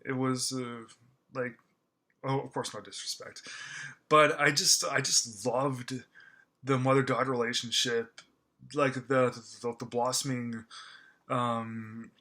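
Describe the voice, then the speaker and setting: A man's voice: mid-range voice, little pitch movement, bright, forceful tone. A man giving a casual spoken film review, gushing and stammering with lots of fillers and restarts. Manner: stammering, halting with many fillers; gushing and enthusiastic. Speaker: movie reviewer.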